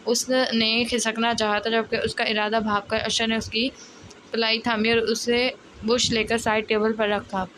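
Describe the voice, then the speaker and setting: A woman reading a romance novel aloud as its narrator, at a steady, even pace. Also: a little high, unhurried, low-quality recording. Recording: steady background hiss.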